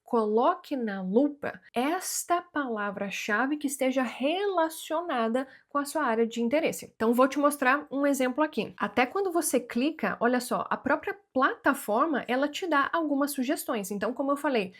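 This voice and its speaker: A woman's voice: high-pitched, animated, fairly quick, hardly any pauses. A woman, giving a casual tutorial walkthrough and acting out viewers' questions in a chatty way. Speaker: language-learning vlogger.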